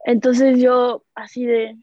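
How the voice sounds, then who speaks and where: A woman's voice: a little high, little pitch movement, slow, warm tone, no echo. A young woman with a Mexican accent candidly telling a personal story in casual chat, rambling with many fillers. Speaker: podcast guest. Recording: dry, muffled lo-fi recording.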